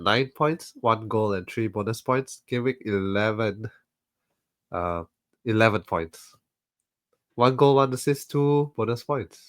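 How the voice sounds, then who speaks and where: A man's voice: lowish voice, fairly bright tone. A man co-hosting a podcast in casual chat, sounding nasal and congested from a flu, laid-back and listing stats methodically. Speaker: podcast co-host.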